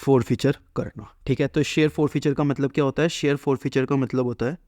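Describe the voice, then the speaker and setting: In a dry, clean studio recording, a commerce teacher explains an accounting lesson fairly quickly, his medium-pitched voice steady and a little mellow. He keeps questioning himself and answering, and plays the part of a company speaking.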